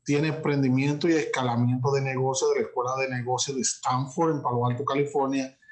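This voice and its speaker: A man hosts a prerecorded webinar from his office, reading a long guest introduction. He talks at a middle pitch, pausing on fillers and restarting words often. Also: level tone. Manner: hesitant, many fillers and restarts. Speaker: host and entrepreneurship instructor.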